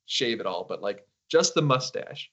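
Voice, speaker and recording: A man's voice: medium pitch, big pitch swings, a bit bright. Chatty man on a slightly dull call. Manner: chatty, laughs often, with quick asides. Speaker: podcast co-host. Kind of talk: casual chat.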